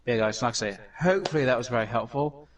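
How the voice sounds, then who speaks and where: A man's voice: medium pitch, expressive, fast, distant mic. A man hosting a casual gameplay commentary, talking in a rambling way with many fillers and restarts. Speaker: gaming channel host.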